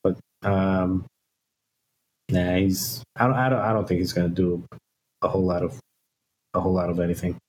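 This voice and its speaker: A man co-hosting a podcast, chatting casually and joking, with halting restarts. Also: sits low, level tone, darkish tone, a little hiss or hum, rough recording. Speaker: podcast co-host.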